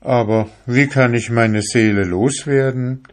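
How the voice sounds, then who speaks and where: A man's voice: lowish voice, lively intonation, slow pace, pitched above the performer's own voice, exaggerated voice. A man voicing a young lovestruck fisherman who speaks in an eager, pleading way, raised above his own voice. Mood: eager, excited.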